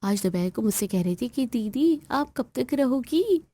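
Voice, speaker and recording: A woman's voice: on the high side, expressive, unhurried, dark tone, pitched above the performer's own voice. A woman voicing a sour, scheming older mother-in-law who grumbles and scolds her daughters-in-law. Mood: grumbling.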